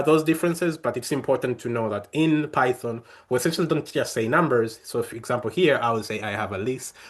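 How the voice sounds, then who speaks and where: A young man leading a coding workshop, explaining each step in a friendly way with many fillers and restarts. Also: mid-range voice. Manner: friendly, talks through steps with frequent fillers and restarts. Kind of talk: live coding tutorial.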